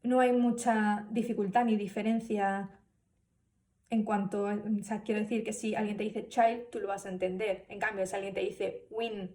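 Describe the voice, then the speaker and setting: A woman's voice: mid-range voice, little pitch movement, normal speed, darkish tone, far from the mic. A woman giving a spoken class presentation, hesitant, with many fillers and restarts. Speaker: student presenter.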